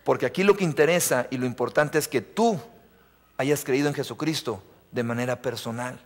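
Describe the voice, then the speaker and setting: Speaking at a moderate pace in a mid-range voice, a man preaches emphatically to young people at a live church service. He repeats refrains and questions his listeners, and the sanctuary's long reverb rings around him.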